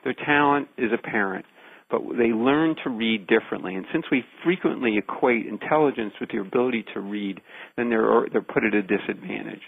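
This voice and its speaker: A man explaining research as an interview guest, deliberate and emphatic, building points in repeated phrases. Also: lowish voice, creaky, slightly rough, no room sound. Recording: narrow phone-like radio line.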